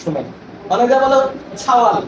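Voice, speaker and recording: A man's voice: extremely high pitch, fairly quick. A man training teachers in a classroom lecture, explaining with examples and often checking that the listeners understand. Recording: echoey room from far off, noisy.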